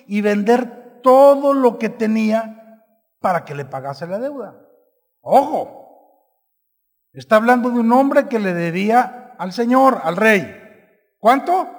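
High, gravelly-voiced preacher man in a reverberant hall. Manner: prays softly, then preaches with call-and-response to the congregation. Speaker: pastor. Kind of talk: sermon. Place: church sanctuary. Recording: large hall with long reverb.

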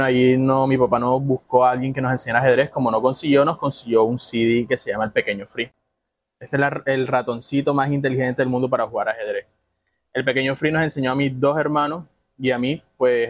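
A man's voice: mid-range voice, fairly quick, no echo. Chatty Colombian Caribbean man. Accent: Colombian Caribbean Spanish. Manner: relaxed, chatty storytelling with frequent laughs. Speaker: podcast guest. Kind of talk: casual conversational interview.

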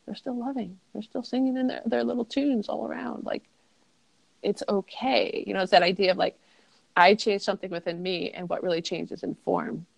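A woman's voice: medium pitch, fairly even intonation, normal speed, gravelly, dry recording, rough recording. A middle-aged woman talking in a reflective, rambling way as an interview guest, peppering her speech with "like.". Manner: rambling, heavy use of "like". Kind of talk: reflective casual conversation.

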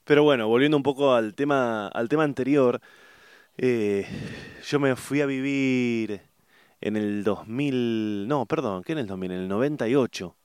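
A man's voice: mid-range voice, unhurried, a little mellow, smooth, no room sound, studio quality. A middle-aged man with an Argentine Spanish accent, talking in a casual rambling monologue, often hesitating and searching for words. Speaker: vlogger.

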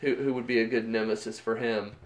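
A man's voice: on the low side, level tone, brisk, roomy sound. A man co-hosting a podcast, chatting loosely about movies, swearing freely and acting out lines. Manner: loose, profane riffing, acts out movie lines. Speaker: podcast co-host. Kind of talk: casual chat.

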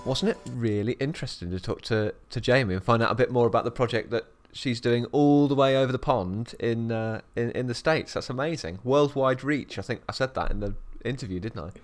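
A British man co-hosts a podcast from an office at a bird of prey centre, keeping the chat casual, jokey and full of laughter. His medium-pitched voice runs fairly quick with hardly any pauses, over soft background music.

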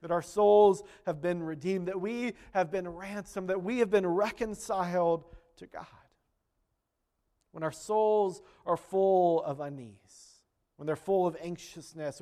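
A man's voice: sits high, unhurried, mellow. A man preaching a sermon as pastor, earnest, rising in force when he reads scripture and voices prayers.

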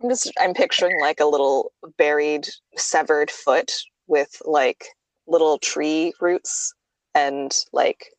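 A woman co-hosting a podcast, excitable and giggly, jumping in with quick jokes and banter. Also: low voice, no echo, rough recording. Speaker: podcast co-host.

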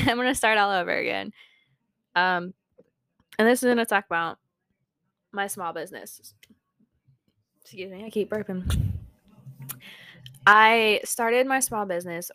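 Smooth-voiced woman rambling about her craft business. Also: mid-range voice, fairly bright tone, no room sound, studio quality. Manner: rambling, self-interrupting and frank. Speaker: small craft business owner. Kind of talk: casual personal vlog.

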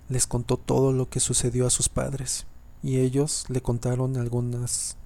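Flat, dark-voiced storyteller. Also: male voice, medium pitch. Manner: reads haltingly, often restarting and repeating sentences. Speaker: horror story narrator. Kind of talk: scripted horror story narration.

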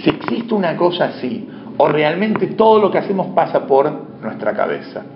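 A man's voice: a little high, sing-song, moderate pace. A male teacher giving a classroom lecture, often asking questions and answering them himself. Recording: muffled echoey classroom.

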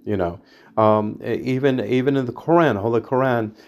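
A man's voice: mid-range voice, moderate pace. A man giving a rambling, opinionated political monologue, hesitant and full of fillers and restarts. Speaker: political commentator.

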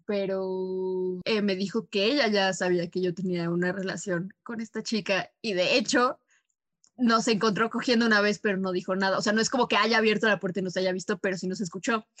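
A woman's voice: mid-range voice, fairly even intonation, a bit bright, dry recording. A young woman with a Mexican accent, co-hosting a podcast and telling a personal story in a casual, slangy way full of fillers. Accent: Mexican Spanish. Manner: fast, slangy, frequent fillers and laughs. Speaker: podcast co-host.

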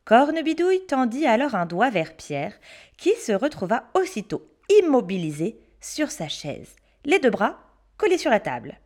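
Expressive woman reading a children's story. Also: on the high side, moderate pace. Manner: expressive, hushed for suspense.

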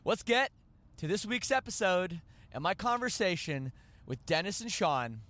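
Rambling Canadian podcast host, higher voice. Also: male voice, sing-song, measured pace, fairly bright tone. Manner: rambling, joking, self-correcting. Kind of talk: casual podcast chat.

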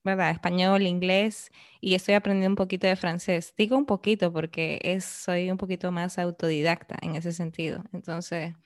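Low-voiced woman, thoughtful and hesitant. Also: level tone, moderate pace, no room sound, clean studio sound. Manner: thoughtful, self-correcting. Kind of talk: casual conversation.

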